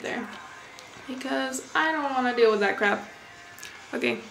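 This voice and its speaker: This young woman's voice sits high and sounds creaky with a fairly bright tone, and she speaks unhurriedly. Muttering offhand as she demonstrates makeup effects for her vlog, she rambles casually in a small bathroom. Music plays behind her, the camera is a short distance off, and the audio is poor.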